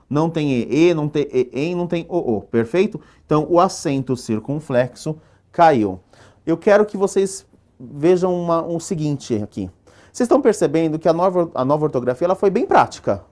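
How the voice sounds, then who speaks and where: A man's voice: fairly high pitch, darkish tone. A man with a Brazilian Portuguese accent teaching an exam-prep lesson at a board, explaining step by step and often checking in with the class.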